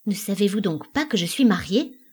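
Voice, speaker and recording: A woman's voice: medium pitch, expressive, normal speed, husky. A woman voicing an anguished married woman in a dramatic play reading, pleading with panicked outbursts. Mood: terrified.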